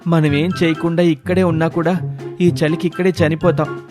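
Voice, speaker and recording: A man voicing a brave, loyal young man in an animated storybook, calling out urgently and speaking with determination. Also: fairly high pitch, moderate pace, music in the background, lightly acted. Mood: determined.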